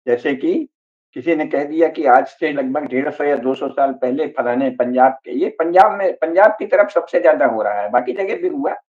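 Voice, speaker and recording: Man, religious discourse, didactic and emphatic, average pitch, tinny phone-like sound. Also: moderate pace. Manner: emphatic and didactic, listing names, asks "है ना?".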